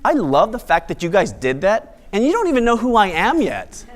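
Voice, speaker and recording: Bright, high-pitched male event host. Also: wildly swooping pitch, brisk. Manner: playful, joking, conversational. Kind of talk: opening monologue to a live audience.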